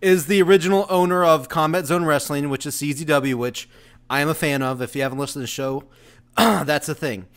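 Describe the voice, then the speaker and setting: A man's voice: a little high, fairly quick. A man co-hosting a podcast, rambling through his argument with many fillers and giggles. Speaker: podcast co-host. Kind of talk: casual debate.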